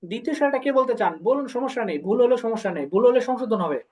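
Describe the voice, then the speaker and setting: A man's voice: very high voice, expressive, fast talker, a little mellow. A man teaching Chinese pronunciation in an online class, patiently drilling syllables and encouraging students.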